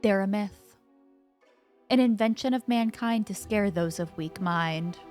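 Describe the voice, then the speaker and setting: A woman's voice: medium pitch, measured pace, a little mellow, soft background music, natural voice. A woman reading as a scoffing young student. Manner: curt, scoffing. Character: dismissive skeptical young male student. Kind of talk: reading game dialogue aloud.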